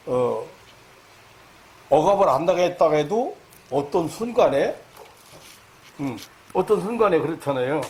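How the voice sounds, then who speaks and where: A man preaching a sermon lecture as a pastor, halting with fillers, then rising loud and high to stress his points. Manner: halting, many fillers and restarts.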